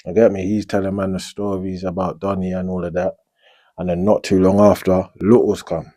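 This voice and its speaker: Young london guy telling prison stories, really deep voice, lots of "you get me", dead dry sound. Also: flat delivery, a little fast, warm tone, no echo. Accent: London street slang. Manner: laid-back slangy storytelling, frequent "you get me?". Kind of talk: storytelling monologue.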